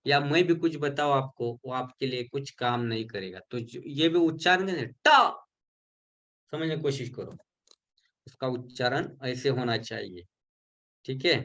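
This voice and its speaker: A man giving a recorded lesson for a healing course, explaining slowly and repeating syllables to show how they are spoken. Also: mid-range voice, fairly bright tone. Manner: mixes English terms into his explanations.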